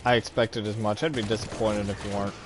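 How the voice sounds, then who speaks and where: A man's voice: on the low side, little pitch movement, fast talker, noisy background. A man hosting a chat show, telling a casual story, swearing freely and laughing at his own jokes. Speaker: host.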